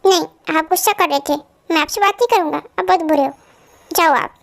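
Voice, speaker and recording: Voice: very high voice, a little fast, a bit bright. A performer voicing a clingy, childlike young man who scares easily and pleads in a whiny way, in a fan-dubbed drama. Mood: sulking. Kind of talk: fan dub drama acting.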